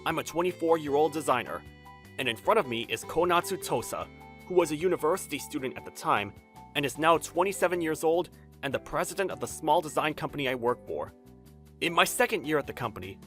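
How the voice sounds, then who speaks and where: A man voices the narrator and lead of an anime-style manga dub: a stubborn, earnest young adult designer delivering dramatized first-person narration that swings from reflective to exasperated, with the mood here reflective. His slightly high voice is animated, brisk and fairly bright. Soft music plays in the background.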